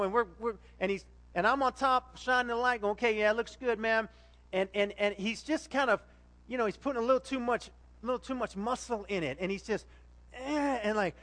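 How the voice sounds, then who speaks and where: A man's voice: high-pitched, a bit bright. A male pastor giving a conversational sermon, telling stories animatedly and speaking directly to his congregation.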